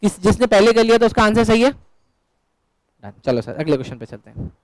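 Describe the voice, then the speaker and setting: Male accounts teacher, very high pitched, dry close sound, playful and questioning with the class. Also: big pitch swings, moderate pace, no room sound, low-quality recording. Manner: joking, quizzing students, mixing English terms. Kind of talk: classroom lecture.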